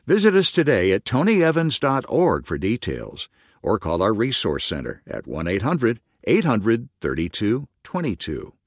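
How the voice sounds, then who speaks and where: A man's voice: fairly low pitch, very animated, normal speed, no room sound, studio quality. A male announcer reading a scripted donation appeal for a ministry radio program.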